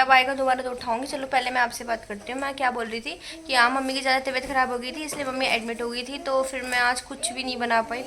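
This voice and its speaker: A woman's voice: on the high side, bright, forceful tone. A young woman chatting casually to her phone camera at home in a daily vlog, sprinkling English words into her talk as she tutors children. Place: home, indoors. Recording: faint background noise.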